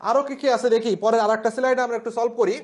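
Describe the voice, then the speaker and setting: Male spelling teacher, high-pitched voice, slow drawn-out repetition. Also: level tone, darkish tone. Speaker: Bengali language instructor. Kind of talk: classroom lesson at a whiteboard.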